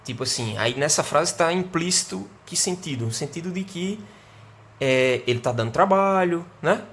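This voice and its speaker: A Brazilian man teaching an English grammar lesson online. He explains patiently, keeps asking "né?" and "certo?", and slows down to model the English sentences. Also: on the high side, lively intonation, fairly bright tone. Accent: Brazilian Portuguese.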